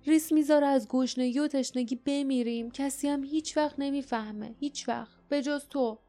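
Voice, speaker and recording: A woman's voice: high-pitched, steady tone, warm tone, soft background music, pitched above the performer's own voice. A woman doing an earnest pleading young hero. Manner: urgent, pleading.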